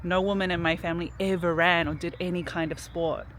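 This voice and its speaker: A woman talks through her personal story in a relaxed, reflective way, dropping plenty of casual fillers. She records outdoors in a city park, with faint traffic behind her. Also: lowish voice, a little fast. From New Zealand. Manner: reflective, chatty, frequent "like" fillers. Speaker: vlogger.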